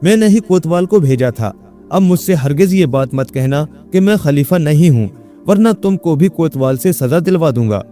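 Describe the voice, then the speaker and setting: A man's voice: fairly high pitch, animated, normal speed, dark tone, soft background music, natural voice. A man voicing a hot-tempered young man who believes he is the caliph and barks angry commands. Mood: angry, commanding.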